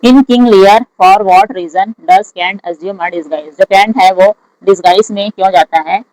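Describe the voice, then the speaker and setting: An exam prep teacher who reads each English question aloud slowly and then explains the answer in Hindi. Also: mid-range voice, darkish tone, no room sound, low-quality recording. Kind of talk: lecture solving exam questions.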